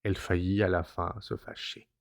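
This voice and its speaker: A man narrating a classic novella in an expressive, dramatic reading style. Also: low-pitched, normal speed. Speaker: narrator, reader.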